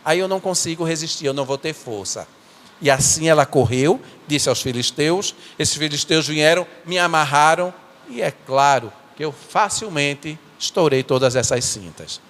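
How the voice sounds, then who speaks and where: A church performer delivers a first-person dramatic monologue as a biblical strongman, remorseful as he recounts his own fall. His slightly high, expressive, fairly bright voice is earnest and halting, repeating words as he stumbles through the story, and the echoey church hall gives it a reverberant sound.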